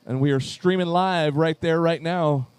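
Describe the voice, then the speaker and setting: A man works as emcee at a live charity event in a pub and calls people up to chairs by name. He sounds upbeat and talks on a handheld mic. His voice sits high for a man, and the sound is dry and close. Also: a little slow, a little mellow, clean tone, no room sound. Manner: upbeat, calling names to chairs.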